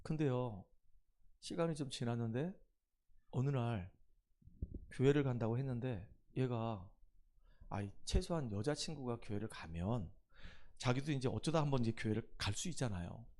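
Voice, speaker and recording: A middle-aged man preaching a sermon as pastor, switching from emphatic preaching to soft personal storytelling. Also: mid-range voice, lively intonation, moderate pace, long pauses.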